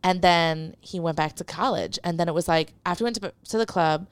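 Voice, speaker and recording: A woman's voice: lowish voice, a little fast, smooth, dry recording. A young woman as a podcast guest, telling a personal story in casual chat, rambling with lots of "like" and quoting herself.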